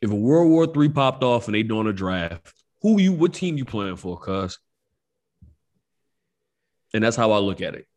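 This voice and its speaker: An American man co-hosting a podcast, talking in a loose, slangy, animated way. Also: on the low side, moderate pace, long pauses. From United States. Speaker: podcast co-host. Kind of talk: casual chat.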